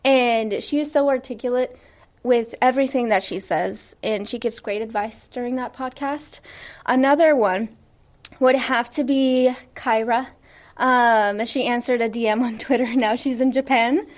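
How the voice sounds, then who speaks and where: Bubbly high-voiced young woman guest. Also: steady tone, a little slow. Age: late 20s. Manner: enthusiastic, giggly, with frequent fillers. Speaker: podcast founder and guest. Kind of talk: radio interview.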